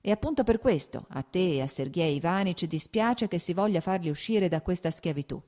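A woman reading an audiobook, voicing an agitated, sickly radical man who declaims loudly and irritably. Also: on the low side, expressive, fairly quick, lightly acted. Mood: impassioned. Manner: loud, heated, irritable declaiming.

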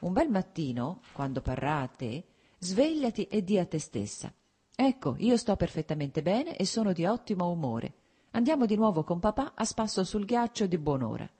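A woman reading a gruff teasing old prince. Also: on the low side, sing-song, normal speed, mellow, pitched above the performer's own voice, full character voice. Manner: wry, then blustering.

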